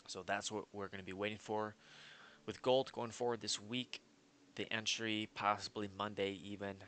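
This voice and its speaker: Give me a confident man breaking down trades on screen, monotone and a bit low. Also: moderate pace, clear, resonant tone. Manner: confident, rambling, frequent fillers. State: hiccups. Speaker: forex trading analyst. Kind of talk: casual screen-share market analysis.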